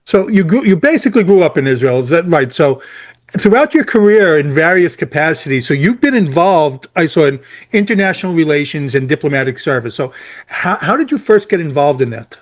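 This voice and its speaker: Chatty male podcast host, slightly high voice. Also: expressive, fairly quick. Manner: friendly, laughs often, stumbling restarts. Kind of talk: casual interview.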